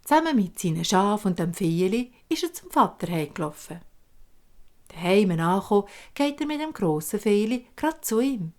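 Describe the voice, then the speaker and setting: Gentle Swiss German storyteller woman. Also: mid-range voice, big pitch swings, normal speed. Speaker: fairy tale narrator.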